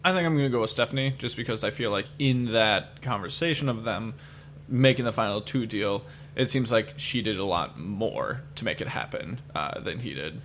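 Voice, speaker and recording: A man co-hosting a casual podcast, giving measured, reasoned opinions. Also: lowish voice, a bit bright, slight background noise. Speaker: podcast co-host. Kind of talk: casual recap chat.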